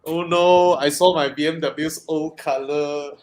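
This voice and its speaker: A man's voice: fairly high pitch, steady tone, a little slow, darkish tone. A man with a Malaysian accent hosts a casual live chat, talking in a jokey, colloquial style full of banter. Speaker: host.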